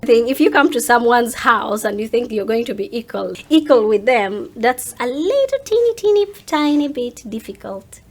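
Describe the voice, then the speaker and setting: A Ugandan-accented woman speaks outspokenly and emphatically as a guest in a casual, animated interview. Her voice is fairly high and darkish in tone, with big pitch swings at normal speed.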